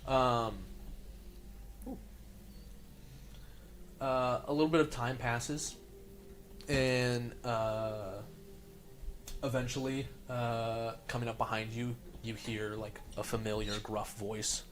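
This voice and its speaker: A man narrating as game master in a tabletop game, loose and relaxed with lots of fillers. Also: mid-range voice, slow pace, long pauses, slight background noise.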